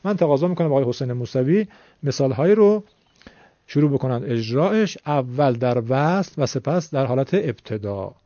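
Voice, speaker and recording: A man's voice: medium pitch, animated, mellow, no echo. A man teaching Quran recitation rules, explaining patiently step by step and asking his students questions. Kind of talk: classroom-style lesson explanation. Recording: dull, lo-fi dry recording.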